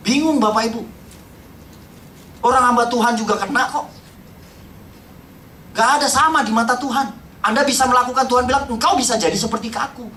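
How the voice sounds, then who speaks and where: A middle-aged man giving an emotional church testimony, speaking straight to the congregation and sometimes dropping to a hush. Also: very high-pitched, normal speed, long pauses, slight background noise. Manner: impassioned, addresses the congregation directly, drops to hushed tones. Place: church hall. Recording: roomy hall, voice from far off.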